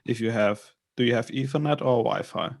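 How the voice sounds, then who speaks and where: A man's voice: mid-range voice, normal speed, creaky. A man on a video call giving patient step-by-step technical instructions. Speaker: workshop helper guiding setup.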